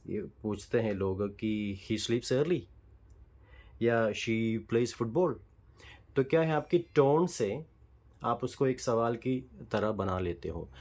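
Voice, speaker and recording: A man's voice: mid-range voice, a little mellow, rough recording. A man teaching English grammar, explaining in Hindi and spelling out English example sentences word by word, patient and careful. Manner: slow and deliberate, spelling out example sentences word by word with pauses and fillers; patient, explanatory, checks understanding with the listener.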